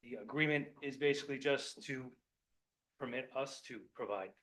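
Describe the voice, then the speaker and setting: A man who is a police lieutenant, addressing a village board meeting, choked up and halting, apologizing and repeating words as he explains. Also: medium pitch, a bit bright, low-quality recording. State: choked up with emotion. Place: municipal meeting room.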